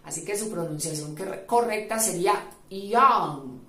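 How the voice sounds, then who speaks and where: A woman English teacher giving a patient pronunciation lesson, repeating the model words loudly. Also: medium pitch, expressive, a little slow. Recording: echoey room.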